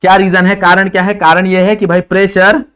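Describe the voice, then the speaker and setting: A man teaching physics in a lecture style with a slight lisp, who keeps quizzing students with quick questions and calls them brother. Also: sits high, flat delivery, a bit bright, clear, resonant tone. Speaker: physics tutor. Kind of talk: classroom lecture mixing Hindi and English.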